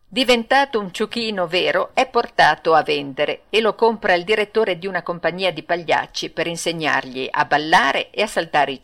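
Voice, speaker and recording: A woman narrating a classic children's story for an audiobook, with expressive, dramatic storytelling. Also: fairly low pitch. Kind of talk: storybook reading.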